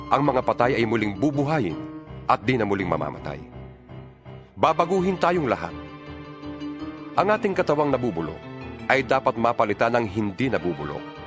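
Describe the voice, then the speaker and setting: A man with a Filipino accent plays an apostle urging fellow believers on, delivering a dramatized Bible reading that is solemn, emphatic, and oratorical. His voice is mid-range and natural, with music running underneath.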